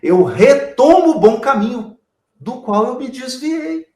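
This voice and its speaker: Animated man explaining spiritual ideas. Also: very high-pitched, measured pace, reverberant. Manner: animated explaining, addresses the host by name. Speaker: guest speaker. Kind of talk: didactic spiritual talk.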